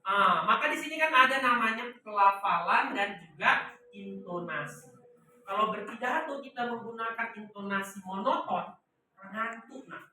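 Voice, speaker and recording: Bright-voiced teacher in an echoey classroom. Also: female voice, mid-range voice, normal speed, far from the mic, slight background noise. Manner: prompts the class to finish her sentences. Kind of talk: classroom lesson.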